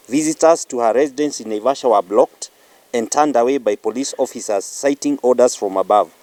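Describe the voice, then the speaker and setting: Male political representative, Kenyan accent, medium pitch, very little room sound, firm and formal statement delivery. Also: mellow, no room sound. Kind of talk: reading a formal press statement.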